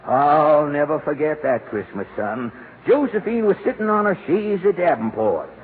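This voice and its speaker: A man's voice: fairly high pitch, lively intonation, moderate pace, natural voice. An actor playing an aggrieved old Santa Claus in 1940s radio comedy, telling his woes in folksy, ungrammatical speech. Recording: noisy narrow-band 1940s radio recording.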